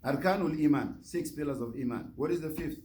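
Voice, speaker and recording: A man's voice: fairly high pitch, fairly quick, a little mellow. A man giving a religious lecture as an imam, teaching by repeating phrases and putting questions to his listeners. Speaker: imam, guest speaker. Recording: noticeable background noise.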